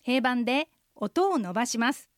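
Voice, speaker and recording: Woman, middle-aged, slightly high voice, very dry sound, radio lesson co-host, steady and explanatory. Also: normal speed, no echo. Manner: clear, explanatory, steady teacherly delivery.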